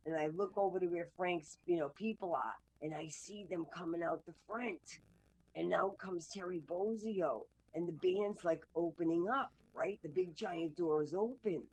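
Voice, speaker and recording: A woman's voice: fairly low pitch, normal speed, darkish tone, husky, low-quality recording. A woman in her sixties with a Boston accent, telling a story as an interview guest, laughing often and acting out both sides of conversations. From Boston, USA. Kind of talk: animated anecdote telling.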